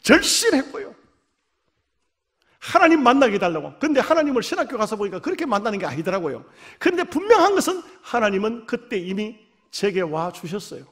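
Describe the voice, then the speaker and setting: A man preaching a revival sermon. He tells lively stories and acts out voices, swinging from shouts to near whispers, and has a slight cold. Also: high voice, a little fast. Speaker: pastor. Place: church.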